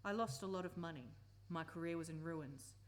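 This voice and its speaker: In a live radio play, a woman portrays an earnest, persuasive campaigner who used to teach in the country, and the mood is earnest and sorrowful. Her voice is fairly low and fairly quick, sounding close to how someone talks every day.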